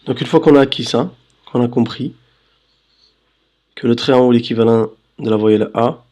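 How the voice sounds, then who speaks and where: A man teaching Arabic letters in a slow voice-over lesson, patiently checking understanding and drawing out syllables. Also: mid-range voice, mellow. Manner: drawls syllables slowly for demonstration. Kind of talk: slow screen-recorded lesson.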